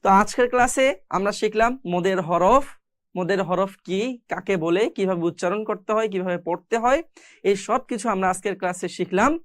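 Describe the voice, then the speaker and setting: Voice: mid-range voice, no echo. Patient teacher spelling out Quran letters. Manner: spells out letters and vowel marks one by one, then slowly draws out each word; patient, explanatory, addressing viewers directly. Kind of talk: step-by-step recitation lesson.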